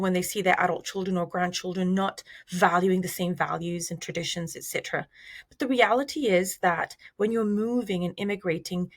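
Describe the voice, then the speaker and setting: Thoughtful woman researcher from Iraq. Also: on the low side. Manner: thoughtful, measured, frequent fillers and restarts. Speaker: researcher guest. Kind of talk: interview answers.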